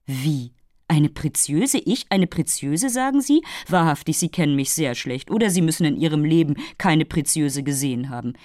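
A woman's voice: deep voice, normal speed, a little mellow, dry recording, clean studio sound, lightly acted. A woman voicing a haughty, moralizing female fairy who lectures and takes offense easily. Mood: indignant.

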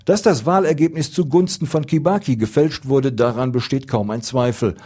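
Male correspondent, mellow tone, measured news read, steady and serious. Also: medium pitch, slightly rough. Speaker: foreign correspondent. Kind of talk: radio news report.

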